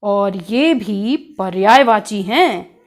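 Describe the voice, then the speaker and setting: A woman teacher explaining patiently in a scripted lesson and reading out word lists with lively emphasis. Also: medium pitch, very slow.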